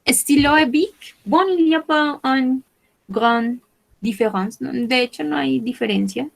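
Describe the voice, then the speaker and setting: A woman gives an online French lesson in a slow, unhurried voice. She repeats every word two or three times and spells out the pronunciation carefully, like a patient teacher. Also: sits high, gravelly, rough recording.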